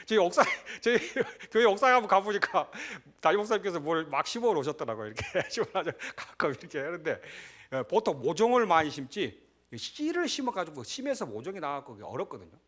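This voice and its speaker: Lively, bright-voiced male preacher. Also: a little high, brisk, hardly any pauses. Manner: animated, conversational preaching with sudden shouts and laughs. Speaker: pastor. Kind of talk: sermon.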